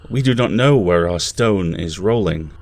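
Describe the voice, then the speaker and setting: Low male voice, solemn cryptic narrator, measured, literary, dry close sound, audio drama. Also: expressive, dry recording. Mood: solemn, ominous. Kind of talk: scripted second-person dramatic narration.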